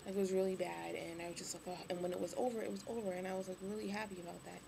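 A young woman speaking casually to camera, tired and weak after surgery, low on energy and hesitant. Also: level tone, very fast. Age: young adult. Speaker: vlogger. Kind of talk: casual video diary. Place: hospital room. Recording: clearly noisy webcam recording, room ambience.

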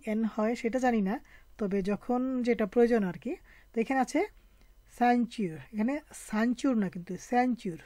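Lady teacher going over french sounds letter by letter, kinda high but mellow voice. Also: no room sound. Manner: patient, explains letter by letter. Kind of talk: online language lesson.

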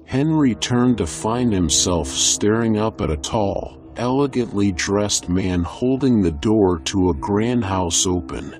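A man reads a scripted story in a measured, descriptive way. His voice sits low and his pace is very slow. Soft music plays faintly beneath the narration. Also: expressive. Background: faint background music.

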